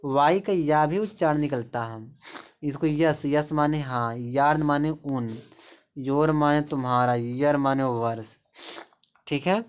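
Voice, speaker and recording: A man's voice: fairly high pitch, slow, clear, resonant tone. Man teaching pronunciation, lo-fi sound. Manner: repetitive, pointing at examples. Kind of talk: explaining pronunciation rules in Hindi. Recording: dull lo-fi recording.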